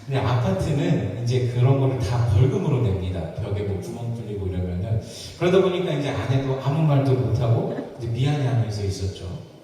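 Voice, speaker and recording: A male pastor preaches with lively, swinging pitch and turns a household story into gentle self-mockery. His voice rings through a long-reverb church hall, picked up from a distance. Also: a little fast. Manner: animated storytelling, playful self-mocking humor. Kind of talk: sermon with live interpretation. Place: church sanctuary. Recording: echoey church hall from far off.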